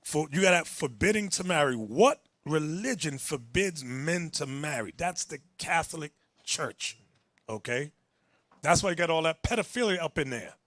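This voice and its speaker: A man's voice: a little high, animated, normal speed, a bit bright, dry recording. A man preaching and teaching from the Bible, emphatic and direct, telling a reader when to go on.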